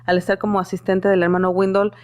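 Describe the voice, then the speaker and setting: A woman's voice: medium pitch, little pitch movement, fast. A middle-aged woman, a podcast guest, earnestly telling her story in a conversational interview, with many fillers.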